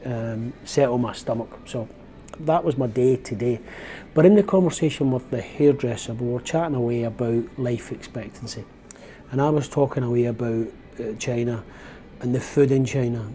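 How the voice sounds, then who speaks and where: A Glaswegian man in his fifties vlogs from a windy open-top bus tour, rambling in a casual, chatty, reflective way and often correcting himself. His voice is medium in pitch with a dark tone.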